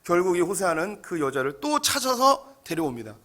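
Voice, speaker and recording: A male pastor preaching a sermon, telling the story in a lively, candid way. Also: high voice, fairly quick.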